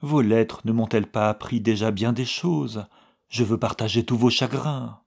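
A man voicing an earnest, kind young woman who speaks gently and pleadingly. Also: mid-range voice, steady tone, normal speed, vocal fry. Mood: gentle, earnest.

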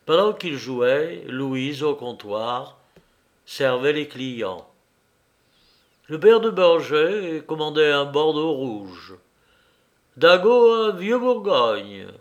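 A man reading a novel aloud as narrator, in measured, unhurried storytelling. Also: a little high, animated, highs cut off.

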